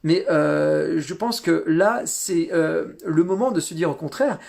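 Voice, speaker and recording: A man giving a spiritual teaching talk, halting often with repeated words and fillers. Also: a little high, vocal fry, darkish tone.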